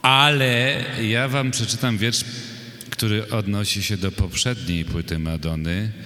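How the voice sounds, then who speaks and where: A man giving a poetry reading in slow, measured recitation, with dry asides to the audience. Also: lowish voice, fairly even intonation, sharp tone. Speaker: poet reading his poems. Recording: echoey hall with long reverb.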